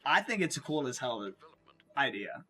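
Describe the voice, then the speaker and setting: A man's voice: mid-range voice, sing-song, moderate pace, pushed and bright. A man co-hosting a let's play, chatting casually and rambling with lots of fillers. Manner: rambling, hesitant, with many fillers. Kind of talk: casual gaming chat.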